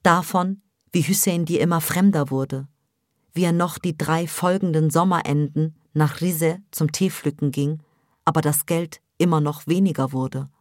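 A woman reading a novel aloud for a radio program in measured, intense narration, recorded in a studio. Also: low voice, fairly even intonation, no echo. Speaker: reader. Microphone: studio microphone.

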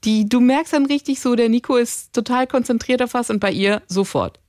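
A woman in her thirties chatting casually and telling stories about her children, acting out their quotes with animated emotion. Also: on the high side, a little fast, no room sound, studio quality. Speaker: podcast co-host, mother. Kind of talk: casual chat, storytelling.

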